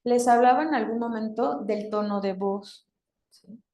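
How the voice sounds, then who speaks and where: A woman's voice: fairly high pitch, measured pace, dark tone. A woman giving an interactive talk to a group. She asks them questions and acts out different tones of voice as examples. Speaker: workshop speaker. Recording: echoey room.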